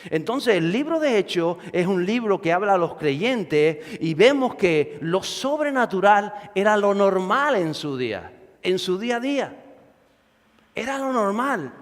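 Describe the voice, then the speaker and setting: A man's voice: high voice, very animated, unhurried, in a large hall. A male pastor preaching a sermon, conversational, with rhetorical questions and repetition.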